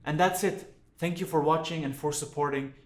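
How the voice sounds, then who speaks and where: A young man born in Iraq, a violinist teaching a music lesson to camera in a clear, explanatory way, recorded on a studio microphone indoors. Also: on the high side, steady tone, normal speed. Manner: clear, explanatory, chants rhythm syllables in time. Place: indoor studio room with plant. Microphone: studio condenser mic on stand.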